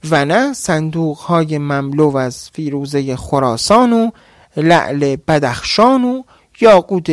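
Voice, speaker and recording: Expressive folk-tale storyteller. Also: medium pitch, no echo, studio quality. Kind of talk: dramatic folk-tale narration.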